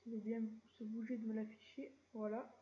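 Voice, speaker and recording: A woman hosting a casual screen-recorded software tutorial, chatty and relaxed, with mild slang. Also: on the high side, quick pace, dull audio, slight background noise. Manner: chatty, relaxed, keeps saying "voilà" and drops mild slang. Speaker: tutorial channel host.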